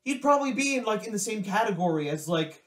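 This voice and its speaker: A man's voice: high-pitched, animated, quick pace. A man co-hosting a casual sports podcast, conversational and opinionated. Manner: conversational, opinionated, hot takes. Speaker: podcast co-host. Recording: echoey room, distant from mic.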